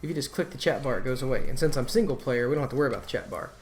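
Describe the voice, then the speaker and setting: A man's voice: mid-range voice, racing, darkish tone, faint music behind. Laid-back male gameplay host. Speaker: Let's Play host. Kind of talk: casual gameplay commentary.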